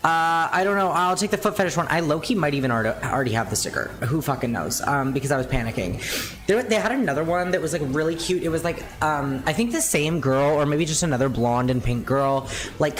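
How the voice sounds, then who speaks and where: A young adult woman chatting casually on a livestream, rambling with lots of fillers and casual swearing, her pitch jumping up and down as she talks. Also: slight background noise. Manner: animated, wide pitch swings. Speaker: streamer.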